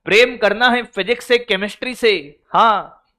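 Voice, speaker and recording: A man's voice: high voice, moderate pace, bright, forceful tone. A man teaching physics exam strategy in a lecture, with a Hindi accent, scolding students in a colloquial, brotherly way.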